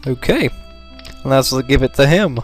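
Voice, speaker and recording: A man's voice: mid-range voice, expressive, unhurried, soft background music. A man casually commentating as he plays a computer game, making sarcastic, joking asides into a close mic. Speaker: let's play host.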